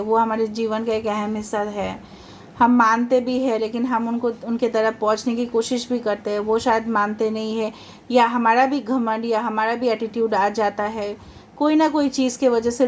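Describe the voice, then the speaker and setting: A woman's voice: a little high, a little hiss or hum. A woman giving a tarot reading, chatty and reassuring, often mixing English into her talk. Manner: chatty, reassuring, mixes English into Hindi, repeats "theek hai". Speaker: tarot reader.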